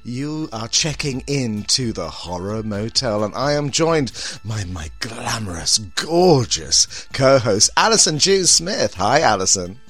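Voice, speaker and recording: A man's voice: fairly low pitch, animated, slow, fairly bright tone. A man with a campy, theatrical drag queen manner, gushing and full of endearments as he co-hosts a podcast. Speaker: podcast co-host and drag queen horror presenter. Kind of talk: podcast banter and show introduction.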